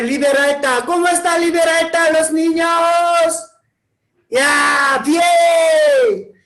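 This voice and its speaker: A man preaching as a pastor to children, speaking slightly broken Spanish and slowly calling on groups of children to shout back. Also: very high-pitched, echoey room, low-quality recording. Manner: slow, encouraging, calls on groups of children.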